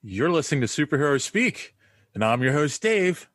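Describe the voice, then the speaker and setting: A man's voice: on the high side, sing-song, moderate pace, a bit bright, dry recording. A man in his forties hosting a casual podcast over a video call, rambling and laughing often. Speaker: podcast host. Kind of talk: casual chat. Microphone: recording over a video call.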